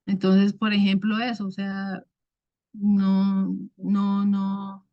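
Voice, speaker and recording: Woman giving a halting church talk. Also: mid-range voice, completely flat delivery, no echo. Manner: halting, many restarts and fillers; loud speaker by her own account. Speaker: speaker at a women's church group. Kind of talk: casual devotional talk. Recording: dull, dry sound.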